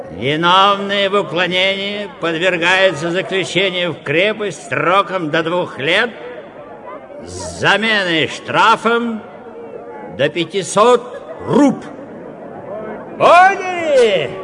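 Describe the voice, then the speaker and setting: A pompous bully of an official played by a male reader barks orders in a raised, bright, cutting voice with wide swings in pitch. It is a radio story reading, and the speech is loud and commanding. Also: lively intonation, takes it slowly, some chatter behind, exaggerated voice. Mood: bellowing. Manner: bellowing, pompous bureaucratic commands.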